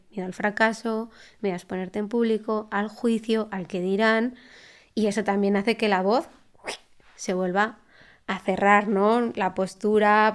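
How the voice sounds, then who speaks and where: A woman speech therapist speaking as a podcast guest in a relaxed, reflective way, often restarting phrases and adding tag questions. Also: mid-range voice. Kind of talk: conversational interview. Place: podcast recording.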